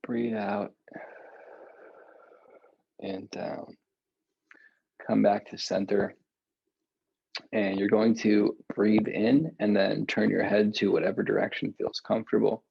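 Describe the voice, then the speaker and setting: Man, guided breathing and stretching, measured delivery, gravelly voice, dry close sound. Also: fairly low pitch, dry recording, muffled recording. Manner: slow, calm, relaxed with casual asides. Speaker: meditation and yoga guide. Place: home, seated on a meditation cushion.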